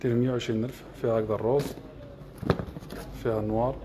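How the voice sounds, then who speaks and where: Algerian man selling shoes, quick patter, mid pitch, clear shop noise behind. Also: steady tone. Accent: Algerian Arabic. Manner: rattles off prices and colors in a list. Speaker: shop seller. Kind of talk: product showcase livestream. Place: shoe shop.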